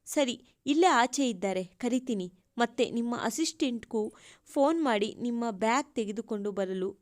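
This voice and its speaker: A woman's voice: a little high, expressive, normal speed, no room sound, studio quality, natural voice. A woman voicing a young woman who pleads through tears. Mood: pleading. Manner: sobbing, pleading.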